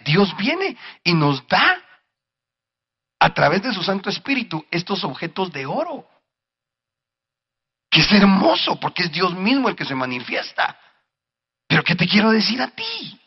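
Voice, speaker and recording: Impassioned preaching man, lively pitch. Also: dull audio. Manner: impassioned, shouting at peaks, addressing congregation directly. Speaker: pastor. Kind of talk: sermon.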